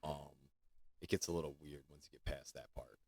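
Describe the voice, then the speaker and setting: A man's voice: a bass voice, steady tone, brisk, vocal fry, a little mellow, slightly rough, no room sound. A man hosting a podcast, chatting casually in an easygoing, rambling way. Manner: rambling, easygoing, lots of fillers. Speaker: podcast host.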